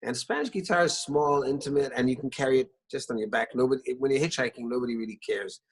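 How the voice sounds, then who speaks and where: This singer-songwriter guest is a middle-aged man from Israel whose native tongue is Hebrew, joining a video call from home in his living room. He talks fast in a medium, slightly rough voice. His warm anecdotes come out haltingly, full of fillers and false starts.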